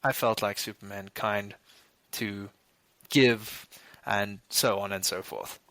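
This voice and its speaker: A man's voice: on the low side, fairly even intonation, sharp tone, no room sound. A man co-hosting a movie podcast, chatting casually and rambling with frequent restarts. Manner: rambling, restarts, quick laughs. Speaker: podcast co-host. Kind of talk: casual chat.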